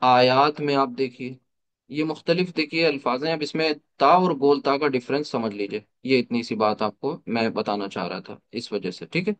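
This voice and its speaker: A man's voice: medium pitch, normal speed. A man teaching an online class, explaining step by step, asking rhetorical questions and mixing English terms into his explanations. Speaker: Arabic teacher.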